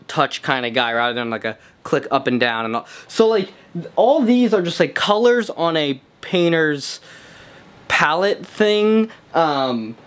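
A young man in his twenties, with a high-ish, fairly bright voice, vlogs into a handheld camera held near his face. He rambles casually about his home music studio, packing in plenty of "like" and "um." He starts outdoors in an apartment parking lot and then moves into his small studio.

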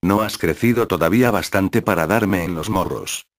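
A man reading the lines of a defiant teenage boy from a juvenile colony, in a curt, even delivery. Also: sits low, normal speed, no room sound.

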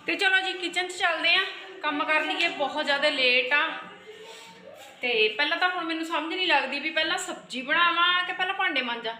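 A woman's voice: very high-pitched, brisk, sharp tone, soft background music. A middle-aged woman with an Indian Punjabi accent chatting casually as a family vlog host, often checking in with little tag words. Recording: echoey room, faint background noise.

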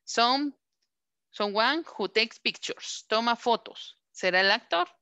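A woman teaching a class, repeating words slowly and asking questions over and over. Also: fairly high pitch, animated, bright, forceful tone, clear, resonant tone, dry recording, lo-fi sound. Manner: slow, drawn-out word modelling and repeated questions. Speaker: English teacher. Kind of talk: online class instruction.

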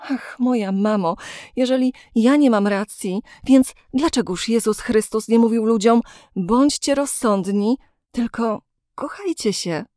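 A woman voicing a gentle young woman who turns defiant and bitter about love, speaking passionately. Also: fairly high pitch, unhurried, dry recording, studio quality, pitched above the performer's own voice, lightly acted. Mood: impassioned.

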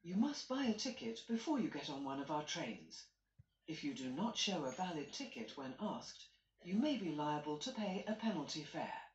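A recorded onboard announcer reading out stations over a train's intercom, slow and measured. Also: mid-range voice, big pitch swings, dull audio. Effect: played over a train's intercom speakers. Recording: echoey carriage loudspeaker.

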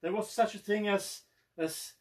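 A man's voice: sits high, steady tone, a little slow. Swedish man in his forties, joking. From Sweden. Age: 40s. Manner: dry joking. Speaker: musician and concert host. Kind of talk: casual stage chat. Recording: from a distance.

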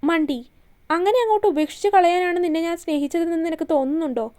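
A woman's voice: extremely high pitch, fast, mellow. A woman reading a teasing young lover. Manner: playful, teasing, tender. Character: young man, teasing affectionate lover on the phone.

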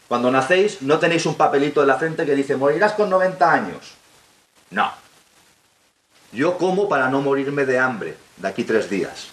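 A man's voice: mid-range voice, a bit bright. A man giving a talk to young listeners, telling a survival story and asking rhetorical questions. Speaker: guest speaker. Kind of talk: motivational talk to young audience. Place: local hall with audience. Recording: roomy hall, faint background hiss.

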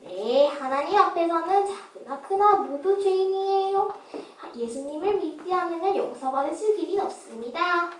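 A woman's voice: sits high, normal speed, natural voice. A woman playing a humble, sickly, pious beggar in a children's puppet play, pleading earnestly. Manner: pleading, meek, earnest, declamatory. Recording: roomy, distant miking with background hiss.

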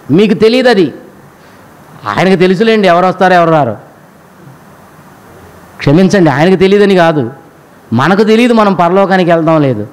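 Man, high voice, sermon, rhetorical questions, preacher. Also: a little mellow, low-quality recording. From India.

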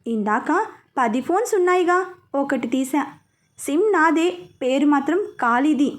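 A woman voicing a blunt, gruff young man who speaks curtly and dismissively. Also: sits high, lively intonation, measured pace. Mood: irritated. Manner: curt, dismissive.

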